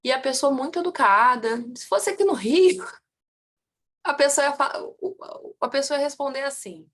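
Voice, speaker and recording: A woman whose voice sits high teaches family constellation at normal speed. She questions her students and answers for them, lively throughout, her loudness and tempo swinging up and down.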